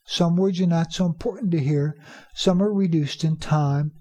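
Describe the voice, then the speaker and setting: A native English speaker teaching teachers about pronunciation, repeating key phrases for emphasis and slowing down to demonstrate. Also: mid-range voice, warm tone. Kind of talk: instructional talk.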